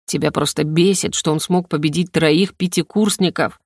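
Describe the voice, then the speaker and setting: A woman voicing a composed male elf lord who serves as dean, speaking in a measured, reasoning way that can turn stern. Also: low voice, steady tone, creaky, husky, no echo, studio quality, full character voice. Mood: lecturing.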